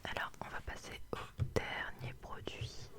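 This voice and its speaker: A woman whispering softly in a casual, candid ASMR product review, chatting as she presents unboxed beauty items. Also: a little slow. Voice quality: soft unvoiced whisper. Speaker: beauty box unboxing host.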